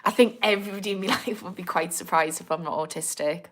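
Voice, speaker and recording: Speaking quickly in a fairly low register, this Geordie woman in her thirties keeps her livestream chat casual. She replies to viewers' comments, pokes fun at herself, and laughs frequently.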